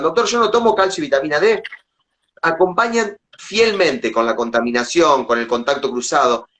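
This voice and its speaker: A man's voice: mid-range voice, a bit bright. A middle-aged man with a Rioplatense Spanish accent, a pediatric gastroenterologist talking earnestly on a live stream and stumbling over repeated words as he searches for them.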